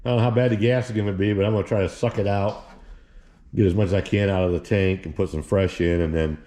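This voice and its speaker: Warm and deep, this man's voice stays fairly even as he talks fast. He's a hobby mechanic and channel host casually narrating repairs on an old car in his home garage, rambling in plain language with plenty of fillers and restarts.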